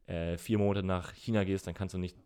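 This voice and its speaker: A young man with a very low voice co-hosts a podcast in easygoing conversation. He explains at length, pausing on fillers and restarting his sentences. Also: smooth. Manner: relaxed, rambling explanations with many fillers. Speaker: podcast co-host. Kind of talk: casual chat.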